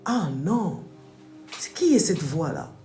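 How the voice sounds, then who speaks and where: A woman's voice: on the low side, very animated, slow, mellow. A woman giving a religious testimony, telling her story with animation and acting out the voices she heard. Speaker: testimony speaker. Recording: echoey room with faint music.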